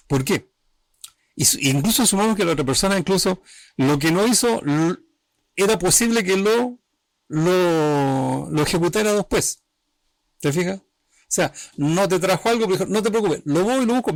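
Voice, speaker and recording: A man leads a live-streamed reflective talk, his voice sitting a little higher than most men's. He talks in short, restarting phrases and keeps turning to the listener to check they follow. The sound is dry and close, with little room around it. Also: no room sound. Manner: conversational, often checks in with the listener. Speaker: host of an emotional healing channel.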